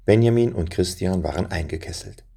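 Give me a deep-voiced man with a gravelly, husky tone reading a children's story aloud. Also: faint music behind. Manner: calm, measured storytelling to children.

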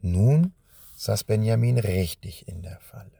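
A man narrating a storybook in a measured way, at times speaking directly to young listeners. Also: fairly low pitch, expressive, gravelly, warm tone, slightly rough, no room sound, studio quality.

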